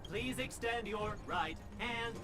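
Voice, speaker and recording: A man voicing a stiff robot scout in a game, speaking in flat, clipped machine tones. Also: high-pitched, slow. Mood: mechanical. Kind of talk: game voice acting. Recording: game audio with music.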